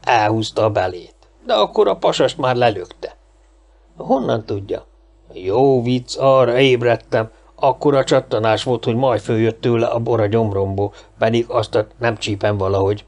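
A man's voice: mid-range voice, darkish tone, pitched below the performer's own voice, lightly acted. A man voicing a chatty, boastful homeless man in an audiobook, rambling and gossipy. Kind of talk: audiobook character reading.

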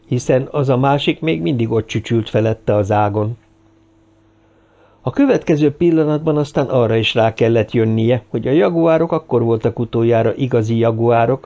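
Gravelly, dark-voiced male narrator. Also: medium pitch, muffled recording. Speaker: audiobook narrator. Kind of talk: scripted narration.

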